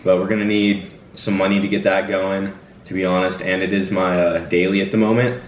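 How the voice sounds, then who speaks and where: Low, flat-voiced young man in an echoey room. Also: a little fast, slight background noise. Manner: laid-back, rambling with fillers. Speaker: channel host. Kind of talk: casual Q&A chat. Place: indoors at home. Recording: echoey room, distant dull mic.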